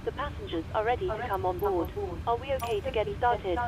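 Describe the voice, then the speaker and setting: A woman's voice: mid-range voice, brisk, a crowd in the background. A woman speaking as cabin crew over a crew radio, giving polite, scripted boarding calls. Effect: over a crew radio or interphone. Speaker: cabin crew in a flight sim.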